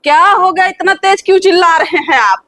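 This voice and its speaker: A woman plays a young city bride who loves dancing for reels and refuses farm work in a village comedy skit. She talks in a breezy city way, in a high voice. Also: fairly quick, bright, forceful tone, exaggerated voice. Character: showy young city bride, reel-loving and defiant. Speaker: daughter-in-law in a comedy skit. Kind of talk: rustic comedy skit acting.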